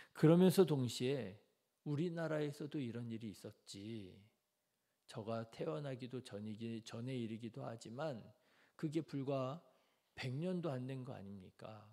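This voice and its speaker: A man preaching an early morning sermon in a conversational way, with frequent fillers, reading scripture louder. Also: medium pitch, a little slow. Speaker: pastor. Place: church sanctuary.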